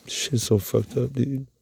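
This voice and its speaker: A man talking straight to camera in a rambling, profane vlog monologue, his voice climbing high when he gets worked up. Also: creaky, warm tone, slightly rough.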